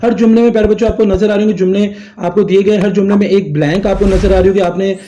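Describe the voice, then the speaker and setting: High-voiced man teaching, echoey room. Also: fairly even intonation, dark tone, slight background noise. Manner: addresses students as dear children, repeats phrases. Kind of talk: recorded lesson going through textbook answers.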